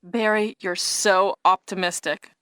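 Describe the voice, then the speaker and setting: An actress playing a young female special-forces soldier in a 1990s video game, delivering her lines flatly and stiffly. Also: medium pitch, unhurried, smooth, no echo, clean studio sound. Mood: brisk. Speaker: game character. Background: music.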